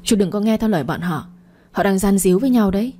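A woman's voice: mid-range voice, lively intonation, fast, dark tone, lightly acted. A woman voicing a bold young woman who speaks firmly and urgently in a storybook reading.

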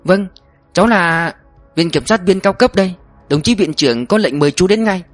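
A man's voice: sits high, lively intonation, moderate pace, dry recording, faint music behind, voice pushed up. A man voicing a playful, cheeky young daughter who teases her father. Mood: teasing. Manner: teasing, chirpy. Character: playful cheeky teenage daughter, bright and teasing.

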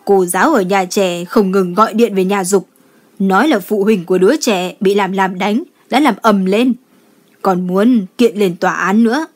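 A fretful middle-aged grandmother who scolds and pleads in a raised voice, as a woman reading the story puts her on. Her voice sits at an ordinary mid pitch. Soft music plays under the reading. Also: moderate pace, close to an everyday voice. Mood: exasperated.

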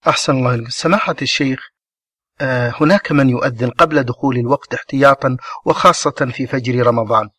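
Male presenter, courteous and very fast-talking, dry close sound. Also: medium pitch, sharp tone, no echo. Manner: deferential, courteous questioning. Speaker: program presenter asking questions. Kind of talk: religious question-and-answer.

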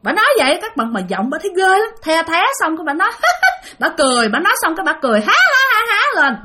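A woman's voice: very high-pitched, very animated, rapid-fire, pushed and bright. A woman telling a ghost story in a chatty way and speaking directly to her listeners. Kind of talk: spoken ghost-story narration.

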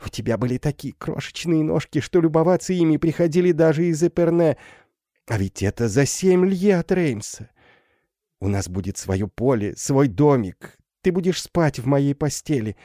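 A man's voice: fairly high pitch, animated, moderate pace, dark tone, no echo, clean studio sound, pitched above the performer's own voice, close to an everyday voice. A man voicing a half-mad older woman, a recluse mother, who talks wildly and tearfully in an audiobook. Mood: overjoyed. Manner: wild, tearful, swinging between joy and terror. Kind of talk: audiobook character voice.

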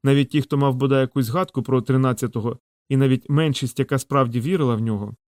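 A man reading an audiobook as narrator, in steady, measured storytelling. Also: medium pitch, no echo, clean studio sound. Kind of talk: scripted narration.

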